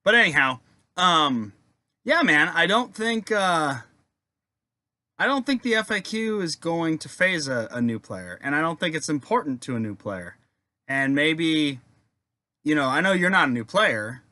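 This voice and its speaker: Man, young adult, casual vlog rant, laid-back, rambling, cusses freely, bright forceful tone, dry close sound. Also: fairly high pitch, big pitch swings, measured pace, no echo. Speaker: wargaming video maker.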